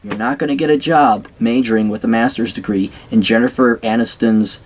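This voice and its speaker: Medium in pitch and a touch fast, he's a vlogger doling out career advice directly to the camera. It's a casual monologue, blunt and sarcastic, full of swearing, rambling, and restarts.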